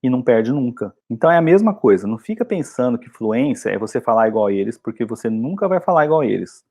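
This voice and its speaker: A Brazilian man in a casual video lesson, talking to his students in a chatty, encouraging way. His pitch leaps and dips a lot as he talks. His voice sits in an ordinary middle range for a man. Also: darkish tone. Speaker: English teacher.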